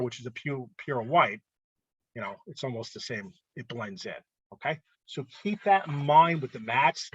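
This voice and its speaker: A man's voice: medium pitch, a bit bright, husky, dry recording, dull audio. Man casually explaining, checking in with "okay?". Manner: conversational, frequent "okay?" check-ins. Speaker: art club presenter. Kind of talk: casual instructional talk.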